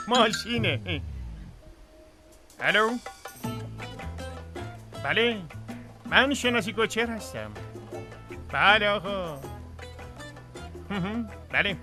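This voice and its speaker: A man's voice: high voice, sharp tone. An actor dubbing an older father who quizzes his sons about their scheme. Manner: probing, wry. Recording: dubbed film with music behind.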